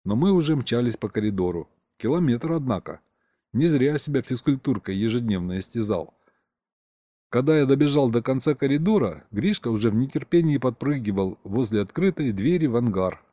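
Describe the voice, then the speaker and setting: Audiobook reader, man, warm tone, animated pitch, ironic narration. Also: brisk, no room sound, clean studio sound. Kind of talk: first-person audiobook narration.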